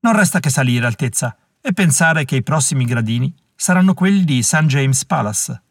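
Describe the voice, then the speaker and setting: Narrator guy doing a smug amused lord, wry little asides, lively voice, dry close sound. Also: medium pitch, moderate pace, no room sound. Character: amused, smug male English aristocrat.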